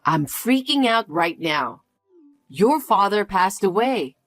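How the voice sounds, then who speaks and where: A woman's voice: mid-range voice, big pitch swings, slow, faint music behind. A woman voicing an anxious, pushy middle-aged mother in a dramatized story narration, sounding frantic and guilt-tripping.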